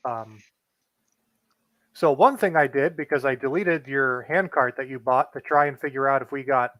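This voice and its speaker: Man explaining in a monotone. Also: mid-range voice, normal speed, no echo. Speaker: guest co-player. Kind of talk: casual gameplay explanation.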